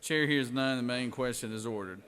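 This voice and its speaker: A man presiding over a legislature, moving through formal procedure with informal, drawn-out phrasing. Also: mid-range voice, fairly bright tone, clean tone. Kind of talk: formal parliamentary procedure with offhand asides. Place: large indoor Senate chamber. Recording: echoey legislative chamber, long reverb.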